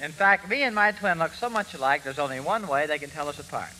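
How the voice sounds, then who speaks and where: A man's voice: fairly high pitch, quick pace, a little hiss or hum, poor audio. A man playing a bumbling, giggly professor in a 1940s radio comedy routine, garbling song lyrics into spoonerisms and laughing at his own jokes. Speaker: comic singer playing a professor. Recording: old radio broadcast with loud band music.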